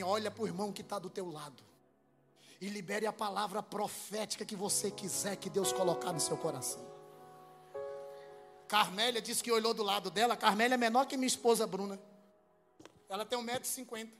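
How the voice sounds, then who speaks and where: A man preaching with a high, light voice, mixing jokes and stories into his sermon. He talks in a lively, comic way and pushes his congregation loudly. Soft music plays faintly behind him. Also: fairly quick, long pauses. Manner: comic, lively storytelling that rises into loud exhortation. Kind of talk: humorous sermon storytelling.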